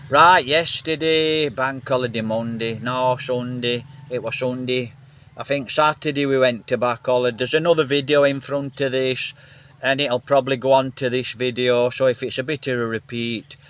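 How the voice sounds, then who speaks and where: A man's voice: medium pitch, fairly bright tone. A man with a Northern English accent chatting casually into a phone, rambling and repeating himself with lots of fillers. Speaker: vlogger. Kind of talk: casual rambling vlog chat. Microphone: phone held in hand, then on a gimbal.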